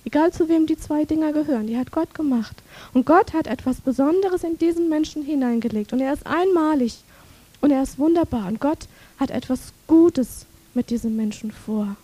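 A woman preaching a sermon in church, telling personal stories and leading prayer in a lively way. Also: high voice.

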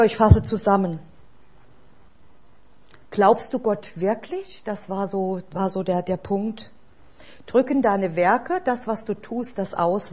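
A woman's voice: mid-range voice, darkish tone, husky. A woman preaching a sermon in an earnest, exhorting way, asking the listeners direct questions.

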